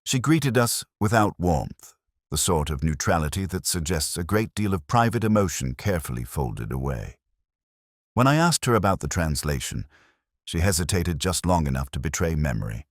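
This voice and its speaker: A man acting a middle-aged police inspector with an extremely deep voice, recorded close and dry. He narrates a detective drama in measured, melancholy, literary sentences, brooding and erudite, with lively rises and falls in pitch. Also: dry recording. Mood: brooding, reflective. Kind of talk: scripted first-person detective narration.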